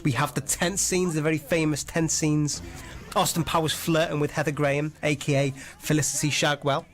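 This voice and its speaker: A man's voice: on the high side, little pitch movement, moderate pace. A man hosting an online radio show, chatting casually and enthusiastically about films with jokey asides. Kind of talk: casual movie trivia chat.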